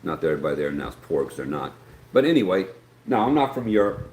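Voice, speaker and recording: With a very deep voice, big pitch swings and fast delivery, a middle-aged West Virginian man speaks in a slightly mellow tone and an Appalachian accent. He hosts a live stream, rambling casually in a folksy manner and reading comments out loud. The echoey room has faint background noise.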